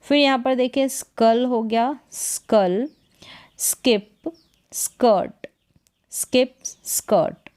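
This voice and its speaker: A woman's voice: a little high, slow pace, darkish tone, smooth. A woman teaching English reading, sounding out words syllable by syllable and asking and answering her own questions. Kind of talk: slow phonics lesson.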